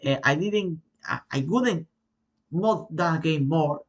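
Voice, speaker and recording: A Spanish-accented man, a native Spanish speaker, answers viewer questions in a relaxed vlog. His voice sits a little high. He talks haltingly, with plenty of fillers and self-corrections. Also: dull audio. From Spain. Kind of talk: casual Q&A vlog.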